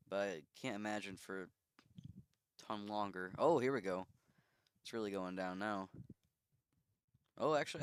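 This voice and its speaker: A man's voice: lowish voice, fairly bright tone, clear, resonant tone, no echo. A man giving casual commentary on a strategy game simulation, musing and thinking aloud with easy asides.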